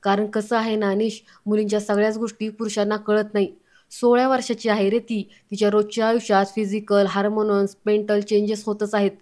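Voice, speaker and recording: A woman's voice: medium pitch, level tone, a little fast, darkish tone, natural voice. A woman reading the lines of a protective, emotional adult woman in an earnest, pleading tone.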